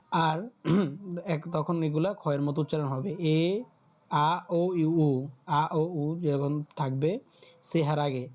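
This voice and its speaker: A man's voice: a little high, mellow. A man teaching a beginners' language class on a video call, patiently spelling out sounds and checking in with his students. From Bangladesh. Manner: patient, repeats words and checks in with listeners. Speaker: German teacher. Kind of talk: online class lesson.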